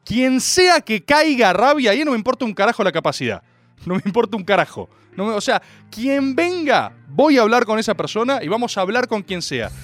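Brief: Rioplatense male radio host, high and lively pitch, comic monologue with big swings. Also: a little fast, no echo, faint music behind. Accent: Rioplatense Spanish. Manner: theatrical, swings between loud outbursts and mock-grave asides. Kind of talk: comedic radio monologue, streamed live. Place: radio studio.

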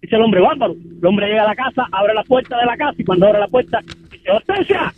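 High-voiced man telling a joke by phone. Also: fast talker, background noise. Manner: lively storyteller shouting the punchline names. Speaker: caller. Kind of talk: joke telling on a call-in show. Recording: tinny phone line.

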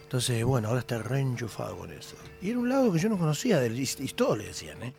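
A man's voice: mid-range voice, huge pitch swings, quick pace, gravelly, darkish tone, faint music behind. A middle-aged man with an Argentine Spanish accent, a singer chatting as a radio guest, telling stories with animation and trailing off into hesitations. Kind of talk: casual radio interview chat.

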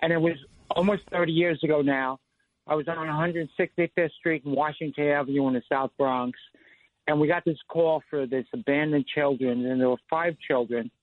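A man's voice: fairly high pitch, steady tone, moderate pace, dry recording. A radio show caller in his fifties speaks through a tinny, phone-thin line with a dry, close sound. He has a slightly raised voice for a man. He rambles through a personal story, padding it with "you know" and "like". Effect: phone line call-in to a radio show.

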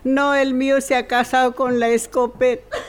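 A woman's voice: medium pitch, loud music behind the voice, natural voice. Comic bit: woman doing an old country firewood seller, folksy joker, plain mid voice. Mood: folksy, amused. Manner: homespun, drawn-out storytelling with acted quotes. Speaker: comic storyteller. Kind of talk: folksy joke telling.

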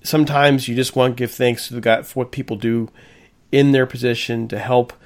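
A man's voice: mid-range voice, flat delivery, brisk. A man hosting a sports talk radio show, speaking directly and addressing his listeners as folks.

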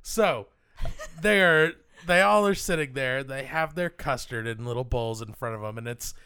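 A man's voice: mid-range voice, moderate pace, sharp tone, clear, resonant tone, dry recording. Wry man podcast co-host, dry close sound. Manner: dry, wry humor, recaps the plot. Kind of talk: casual film discussion.

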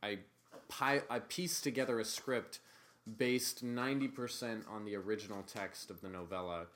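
A man's voice: lowish voice, slight background noise. Joking podcast co-host, a man. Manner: playful, joking, quick deadpan asides. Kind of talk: casual chat.

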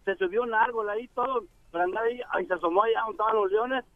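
Guy calling in, kinda high voice, rambly joke, phone-line sound. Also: very fast, dry recording. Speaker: caller. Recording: thin, dry phone line.

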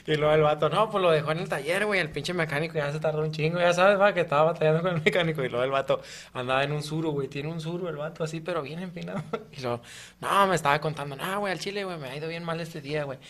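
A man's voice: a little high, fast talker, a bit bright. A man with a Mexican Spanish accent, a podcast co-host telling a story in casual chat, rowdy and swearing, laughing often.

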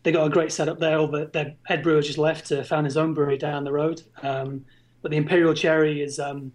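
A man's voice: a little high, level tone, a little fast. A man chatting casually as a podcast guest, in a droll, understated way. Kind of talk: casual chat.

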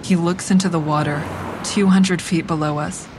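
Playing a grieving woman given to quiet deception, an actress delivers first-person narration for an audio drama. It is lightly acted, measured and reflective, guarded in mood, and a vehicle's rumble hums steadily behind her.

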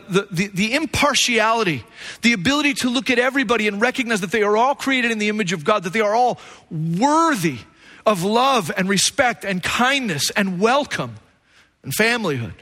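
A man preaching a sermon as pastor, explaining scripture and telling a self-deprecating story in an animated way. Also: extremely high pitch.

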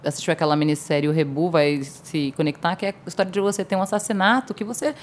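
A woman guest in a casual chat, enthusiastic and animated as she tells things. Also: fairly low pitch, fast, a little hiss or hum.

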